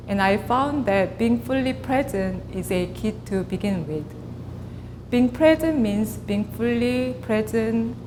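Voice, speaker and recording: A woman from South Korea with a Korean accent, in her late thirties or forties, giving a measured artist talk with pauses and fillers. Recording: reverberant hall with clear rumble.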